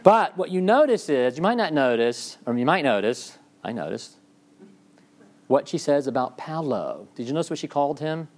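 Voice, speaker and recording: A man's voice: fairly high pitch, sing-song, normal speed, darkish tone. A man giving a classroom lecture in a discursive way, with frequent fillers and restarts, often checking in with the class.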